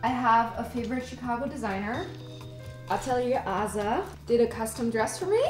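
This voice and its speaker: Her voice is fairly high with lively intonation and a normal pace. This young German fashion blogger from Munich gushes about her outfits during a casual interview, using plenty of "like" and "you know," as music plays in a room full of echo.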